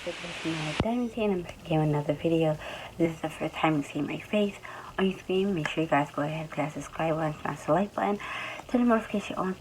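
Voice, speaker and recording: A woman's voice: low voice, quick pace, background noise. A young woman hosting a casual vlog, talking in a sleepy voice, loose and chatty with lots of fillers. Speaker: YouTube host.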